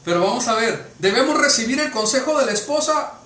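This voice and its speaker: A man's voice: very high-pitched, expressive, a little fast, bright, forceful tone, a little hiss or hum. A man preaching a sermon to a congregation, often checking with rhetorical questions. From Mexico. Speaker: pastor. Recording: echoey room from a distance.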